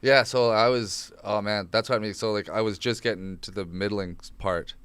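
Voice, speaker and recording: A Canadian stand-up comedian in his thirties, appearing as a podcast guest, tells rambling stories in casual chat, animated and swearing often. His voice is fairly low-pitched and smooth at a moderate pace, with no room sound.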